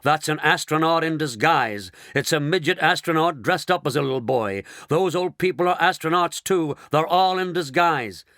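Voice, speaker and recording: A man voicing an angry, shouting male mission controller in a storybook reading. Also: fairly low pitch, measured pace, hardly any pauses, no room sound, clean studio sound. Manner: snapping, shouting, scornful.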